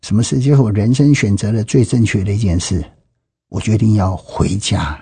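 A man's voice: fairly low pitch, normal speed, warm tone, breathy edge, no room sound. A middle-aged man with a Taiwanese Mandarin accent tells his own story as a testimony, speaking emphatically and often exclaiming and repeating himself. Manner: emphatic, with frequent exclamations and repetitions. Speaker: interviewee giving personal testimony.

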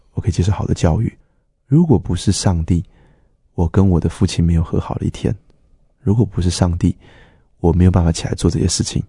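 A man's voice: deep voice, mellow, slightly rough, dry recording, clean studio sound. A middle-aged man, a pastor earnestly telling his personal testimony and acting out the dialogue he quotes.

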